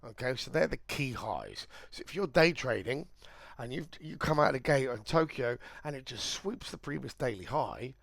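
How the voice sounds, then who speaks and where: A man with a croaky voice, talking casually and rambling while he walks through charts on a live trading stream. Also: mid-range voice, big pitch swings, normal speed, fairly bright tone, no room sound. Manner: chatty, rambling, thinking aloud. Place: indoors, air-conditioned room.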